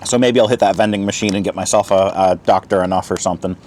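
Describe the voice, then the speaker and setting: Man, fairly low voice, relaxed chatty food review, faint outdoor noise. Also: quick pace. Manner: chatty, talks while eating. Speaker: outdoor vlogger. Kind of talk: casual food review vlog. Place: outdoor picnic spot.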